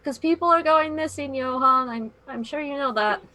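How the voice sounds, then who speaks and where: A woman's voice: sits high, moderate pace, sharp tone. A woman playing a tabletop game, chatting casually and role-playing in an informal, breezy way.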